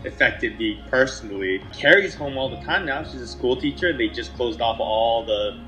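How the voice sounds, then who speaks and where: A man's voice: mid-range voice, lively intonation, moderate pace, over music, poor audio. A man who organizes group trips, speaking plainly in a casual testimonial.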